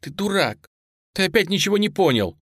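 A man's voice: mid-range voice, lively intonation, moderate pace, dry recording, clean studio sound, voice pushed up, lightly acted. Man doing a trembling tearful young woman.

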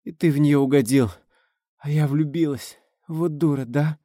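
Male narrator doing a dying young woman, raised pitch, soft fading delivery, dry studio sound. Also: normal speed, no echo, lightly acted. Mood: tender, fading.

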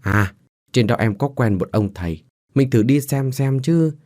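Scheming young woman, soft coaxing talk, man doing the voice, storybook tale. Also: medium pitch, expressive, a little slow, no room sound, clean studio sound, pitched above the performer's own voice, close to an everyday voice.

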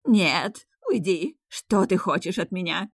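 A woman's voice: animated, normal speed, a little mellow, breathy edge, no echo, clean studio sound. A woman reading an audiobook, voicing a hysterical, scornful deposed queen who shrieks and snaps. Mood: terrified. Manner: shrill, screaming, scornful. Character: hysterical deposed queen, middle-aged mother, cruel and unhinged. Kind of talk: audiobook character voice.

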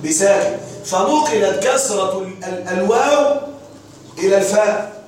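A man's voice: sits high, normal speed, darkish tone. A man teaching Arabic grammar in a classroom lecture, stopping often to quiz his students with questions. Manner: quizzes students with repeated questions. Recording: echoey classroom with faint noise.

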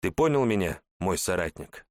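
A man's voice: sits low, big pitch swings, normal speed, dry recording, clean studio sound. A man voicing a commanding, hot-tempered warlord in an audiobook. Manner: commanding, shouting when angered. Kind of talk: audiobook character voice.

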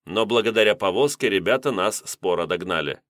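Man, audiobook narrator, measured dramatic reading, low voice, dry close recording. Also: animated, fairly bright tone, dry recording. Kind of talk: first-person fantasy audiobook narration.

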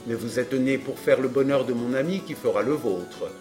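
A man's voice: medium pitch, normal speed, natural voice. A man reading the part of a breezy, wry rogue of a friend, offhand and dry, with faint music behind.

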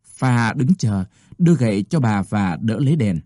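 A man narrating a story from a script, with an expressive storytelling delivery. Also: lowish voice, normal speed, no room sound, studio quality.

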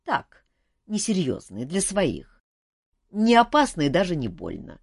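A woman's voice: on the low side, wildly swooping pitch, unhurried, creaky, breathy edge, no room sound, clean studio sound, voice pushed up, heavily acted. A woman voicing a weary wisecracking male jester. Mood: wry, weary. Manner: wry, self-mocking banter.

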